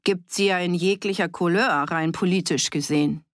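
A woman's voice: fairly low pitch, moderate pace, dry recording, clean studio sound, natural voice. A woman voicing a young male journalist who speaks pointedly and with indignation. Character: young male journalist, engaged to accused woman, quiet turned defiant.

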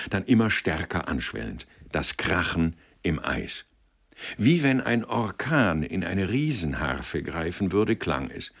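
A man narrating an audiobook in measured storytelling with vivid, expressive emphasis. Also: low-pitched.

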